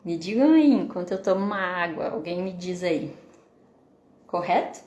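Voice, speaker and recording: Brazilian woman explaining with a mellow tone. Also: on the low side, animated, moderate pace, echoey room. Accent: Brazilian Portuguese. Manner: explanatory, asks the audience questions, frequent "né?". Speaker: psychotherapist hosting a live stream. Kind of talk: live-stream talk answering viewers.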